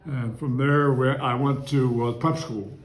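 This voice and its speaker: Recorded in a noticeably echoey room, this Maryland man in his nineties is the interviewee in an oral history, recalling his youth at an unhurried pace. He rambles into side stories and chuckles now and then. His pitch is ordinary mid-range and his intonation fairly even.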